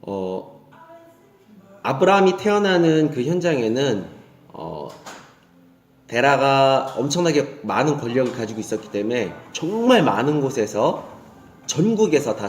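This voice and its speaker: A man's voice: mid-range voice, sing-song, moderate pace, slight background noise. A man preaching, retelling a story earnestly with many fillers. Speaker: evangelist preacher. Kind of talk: storytelling sermon. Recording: roomy echo with faint music.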